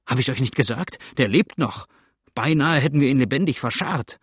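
A man's voice: medium pitch, measured pace, vocal fry, no echo, studio quality. A man voicing a timid male pirate's helper who talks anxiously and complains under his breath, in an audiobook reading. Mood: frightened.

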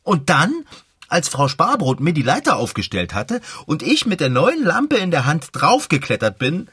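A well-meaning but clumsy bicycle mechanic in a children's radio play, in plain, everyday speech. His voice is husky and rises and falls a lot, and the recording sounds dry and close. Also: fairly high pitch, huge pitch swings, normal speed, fairly bright tone, dry recording, heavily acted. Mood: dejected.

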